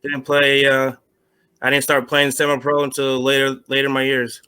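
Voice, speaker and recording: A middle-aged man from Vermont answering interview questions on a call, halting with many restarts and fillers. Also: mid-range voice, completely flat delivery, pushed and bright, clear, resonant tone. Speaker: guest, former semi-pro football player.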